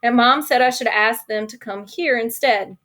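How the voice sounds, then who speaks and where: An earnest young girl, read by a woman narrator writes a worried, plain-spoken letter. The voice sits a little high. It is an audiobook reading. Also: moderate pace, fairly bright tone, natural voice.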